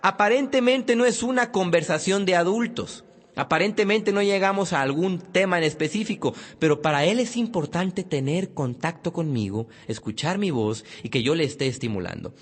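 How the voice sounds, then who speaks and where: A man's voice: high-pitched, animated, moderate pace, long reverb tail. A man giving a motivational parenting talk, speaking emphatically and addressing parents directly. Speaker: parenting lecturer.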